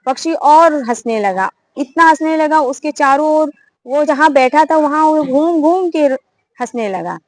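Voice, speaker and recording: A woman's voice: sits high, lively intonation, a little slow, no room sound, low-quality recording. A woman narrating a moral fable in a plain, repetitive retelling style. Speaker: storyteller. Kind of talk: storytelling narration.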